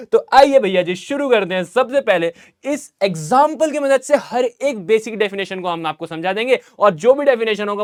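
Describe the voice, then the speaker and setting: A young man with an Indian accent teaches an online maths revision class. His voice sits high and sounds smooth and clear. He talks with lively energy, repeating key questions and answering them himself.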